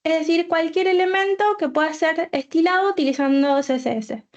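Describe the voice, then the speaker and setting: A woman's voice: very high-pitched, normal speed, dull audio. Hesitant Argentine woman giving a tech talk. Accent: Argentine Spanish. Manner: hesitant, many filler sounds and restarts. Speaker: full stack developer giving a tech talk.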